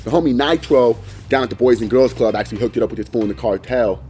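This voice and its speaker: An actor playing a wary, rambling stoner weed dealer who talks in laid-back slang in a mock street interview. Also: male voice, medium pitch, fast, dark tone, natural voice. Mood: rambling, boastful. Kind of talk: street interview in a comedy sketch.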